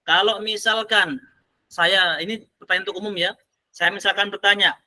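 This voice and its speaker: A man leads an online Arabic lesson, calling on students and praising their answers. His voice sits high and sounds very bright and forceful. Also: steady tone, normal speed. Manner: asks the class questions and praises answers. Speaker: Arabic teacher. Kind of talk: online class teaching.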